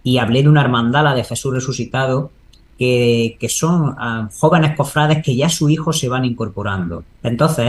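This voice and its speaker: A man's voice: mid-range voice, darkish tone. A man answering in a spontaneous interview, earnest and discursive, often adding tag questions to seek agreement. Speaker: local interviewee, Holy Week proclamation speaker. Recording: noticeable background noise.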